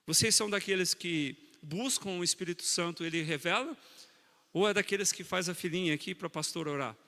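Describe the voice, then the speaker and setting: A man preaching a sermon on marriage, animated, teasing his congregation and speaking to them directly. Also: high voice, brisk, big-room sound.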